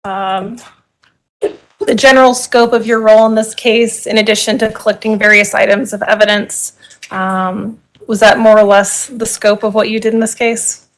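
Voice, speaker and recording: A woman's voice: medium pitch, level tone, moderate pace, poor audio. A woman speaking formally in court as a prosecuting attorney questioning a witness.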